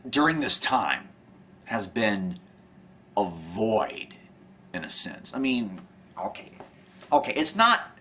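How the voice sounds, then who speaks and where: Bright-voiced young man, sardonic vlogger. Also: medium pitch. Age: young adult. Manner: sardonic, sighs often, trails off and restarts. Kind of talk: casual rambling monologue to camera.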